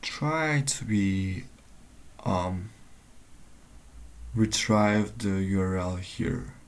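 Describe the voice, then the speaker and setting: A man's voice: low voice, expressive, drawn-out words. A man in a coding walkthrough, thinking aloud and searching for words, often trailing off mid-sentence. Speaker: tutorial maker.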